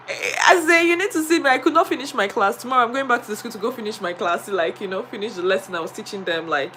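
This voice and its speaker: A woman's voice: mid-range voice, fairly bright tone, a little hiss or hum. A woman with a Nigerian accent, a teacher, chatting on a live stream and telling a story with many fillers. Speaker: vlogger and teacher.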